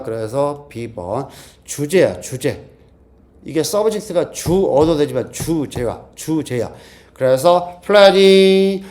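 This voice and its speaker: A man teaching an exam-prep English class, drilling the students and repeating key phrases with quick rhetorical questions. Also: on the high side, darkish tone. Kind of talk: lecture.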